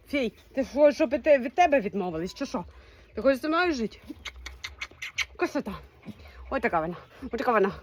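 Woman breeder, playful baby talk to pups, high animated voice, faint outdoor noise. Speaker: dog breeder. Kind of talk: casual vlog talking to puppies.

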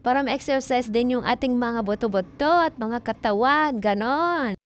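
On a mountain peak, a woman vlogs with a handheld phone, her voice on the high side at a moderate pace. Bubbly and playful, she addresses her viewers as friends. The sound is lo-fi with slight background noise.

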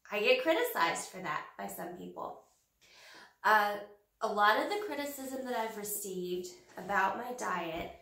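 Speaking with vocal fry and a sharp tone at a medium pitch, a vlogger in her thirties addresses the camera from a small home office while a cold makes her a little nasal. Her casual talk is earnest, slow and hesitant, dotted with fillers, and the audio is roomy and a bit distant.

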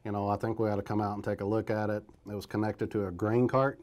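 A man's voice: on the low side, little pitch movement, fast talker, darkish tone. A man in his forties, a service manager, explaining things plainly in a casual interview in an office. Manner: plain, matter-of-fact explaining. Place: office, indoors.

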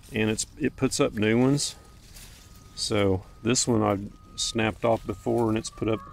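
Outdoors with faint ambient noise, a man leads a casual, unscripted garden tour for his homestead vlog. He has a creaky, medium-pitched voice and a folksy, plainspoken style.

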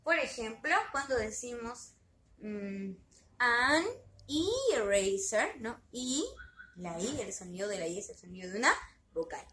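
A high, very lively woman teaching young children, patient and unhurried, asking questions and repeating each word. She sounds like she is in a roomy, echoey space with faint background noise. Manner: slow, patient, asks questions and repeats words. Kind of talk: bilingual lesson for young children.

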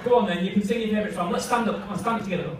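High-voiced man on echoey stage. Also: racing. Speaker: comic ventriloquist. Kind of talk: live stage comedy with audience participant. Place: theatre stage, filmed from the seats. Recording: distant audience recording, echoey noisy theatre.

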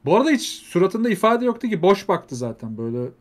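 A man's voice: high voice, big pitch swings, quick pace. A man co-hosting a casual film review chat, blunt and argumentative in his opinions. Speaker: podcast co-host.

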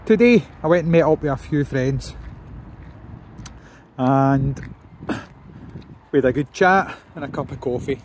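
A man's voice: medium pitch, expressive, measured pace, long pauses, a little hiss or hum. A Scottish man vlogging outdoors in a city park, chatting directly to his viewers as he walks. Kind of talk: casual walking vlog.

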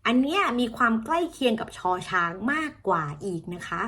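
A woman's voice: fairly high pitch, very animated, brisk, sharp tone. A woman English teacher giving a casual pronunciation lesson, chatting and repeating example words to demonstrate sounds. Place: indoors, seated on a chair.

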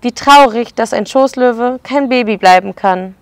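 A woman's voice: on the high side, unhurried, no room sound. A woman voicing a tender, anxious lady who keeps a pet lion, in a read-aloud storybook. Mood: fretful.

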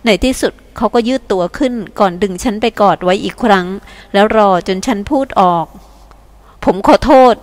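A woman's voice: mid-range voice, fairly quick, no echo. Woman narrating an emotional audiobook. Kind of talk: scripted first-person narration.

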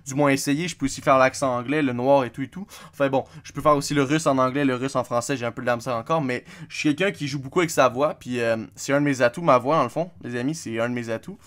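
Give me a fast, rambling Québécois man. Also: mid-range voice, fairly bright tone. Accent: Québécois French. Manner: rambling, full of fillers and restarts, addresses viewers as friends. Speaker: gaming YouTuber. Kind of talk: casual channel update monologue.

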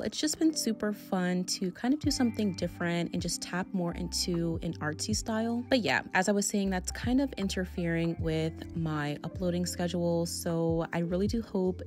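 A young woman in her early twenties speaks in a relaxed, rambling voiceover, leaning on "like" and "so" as she chats. Her voice sits on the lower side for a woman, and faint music plays quietly underneath. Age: 20s. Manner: rambling, repeats "like" and "so". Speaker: nail artist and channel host. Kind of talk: casual chatty voiceover. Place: home studio, voiceover recorded apart.

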